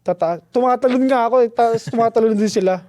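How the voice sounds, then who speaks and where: A man guest on a podcast, telling a story in a casual, slangy, animated way with lots of restarts. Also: very high voice, quick pace, no echo, studio quality. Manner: animated, slangy, keeps saying "tol"; restarts and trails off often.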